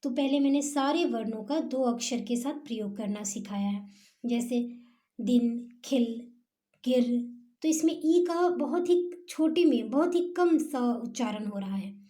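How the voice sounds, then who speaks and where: A woman teacher explaining a lesson, sounding out syllables slowly and often checking in with the listener. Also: high voice, animated, dark tone. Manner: slow, drawn-out sounding of syllables; repeats okay and checks in with listener.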